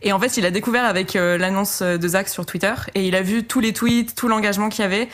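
A woman working as a translator on a talk show, relaxed and conversational as she sums up what was said. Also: medium pitch, quick pace. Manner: relaxed, conversational, uses fillers. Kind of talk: casual live interpreting.

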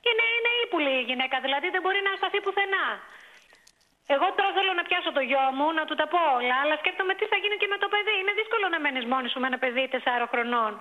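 High-voiced woman on a tinny phone line. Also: animated. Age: 40s. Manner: exasperated, complaining storytelling with many fillers. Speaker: caller. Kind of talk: phone-in confession on a talk show.

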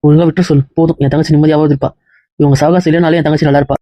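A man's voice: fairly high pitch, level tone, rapid-fire, dark tone, no echo, natural voice. A man playing an angry, protective older brother in an amateur family drama, speaking harshly and threateningly. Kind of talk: amateur web-series acting.

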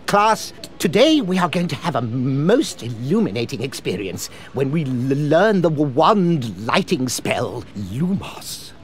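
An English actor playing a nervous, timid wizard professor in a video game, with a heavy, jittery, halting stutter. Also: male voice, mid-range voice, a little hiss or hum. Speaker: teacher.

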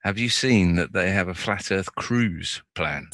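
A man hosts a casual chat with a very low voice, joking at his own expense. The sound is dry and close, with no room echo. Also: expressive, unhurried, fairly bright tone. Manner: self-deprecating, laughs at himself.

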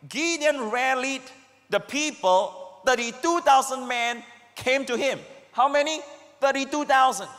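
Man, pastor, high-pitched voice, emphatic sermon, long hall reverb. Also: fairly bright tone. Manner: emphatic, calls on the congregation to respond.

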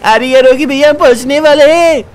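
A young man voicing a cheeky, excited little cartoon boy in a squeaky voice. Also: normal speed. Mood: cheerful.

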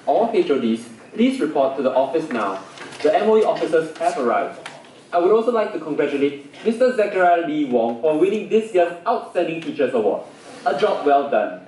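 Male actor as a school principal, formal intercom announcement, animated pitch, distant echoey stage sound. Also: brisk, a little hiss or hum. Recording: echoey stage recorded from far off.

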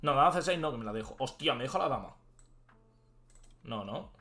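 A man, a chess streamer thinking aloud and commenting live as he plays, excitable and prone to shouting outbursts. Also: mid-range voice, a little fast. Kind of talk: live commentary while playing online chess.

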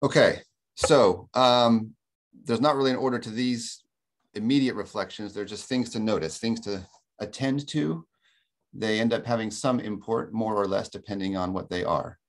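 A man giving an academic lecture in a webinar, explaining in a measured, thoughtful way with frequent ums, heard over a video call. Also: fairly low pitch. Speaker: webinar presenter.

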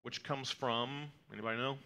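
He's a man in his thirties with a medium-pitched voice, steady in tone, moderate in pace, pushed and bright. Standing at a lectern in a sanctuary, a mid-size indoor hall, he teaches the weekly Torah portion in a language other than his native tongue, not Hebrew, patiently explaining terms with many fillers and "okay?" check-ins.

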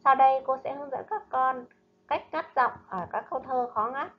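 A woman teacher leads a recorded reading lesson for small children, pronouncing every syllable slowly and distinctly. Her voice sits a little high. The voice-over has a slightly muffled, lo-fi sound. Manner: slow, careful, clearly enunciated reading and drills. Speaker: primary school teacher. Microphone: voice-over narration over slides.

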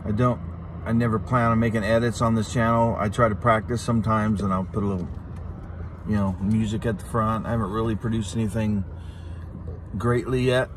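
A middle-aged man with a fairly low voice speaks candidly into a phone held at arm's length in a parked car. He is informal and confiding, halting and repeating himself as he goes. There is light background noise. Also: level tone. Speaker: vlogger, channel host. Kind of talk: casual, candid talk to the camera. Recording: noisy in-car phone recording.

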